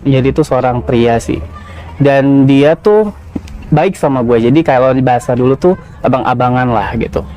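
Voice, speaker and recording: Man, 30s, podcast guest, warm mellow tone, casual confessional storytelling. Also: medium pitch, moderate pace. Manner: casual slangy confessional, many fillers. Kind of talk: personal storytelling.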